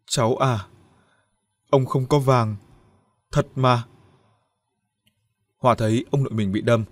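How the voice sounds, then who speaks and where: A man reading a grim family tragedy aloud as an audiobook narrator, steady and grave. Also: medium pitch, dry recording.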